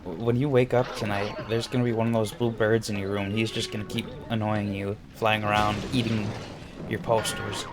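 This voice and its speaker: A man hosting a let's play with casual game commentary, dry and laconic with deadpan quips. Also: lowish voice, moderate pace. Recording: game music playing behind.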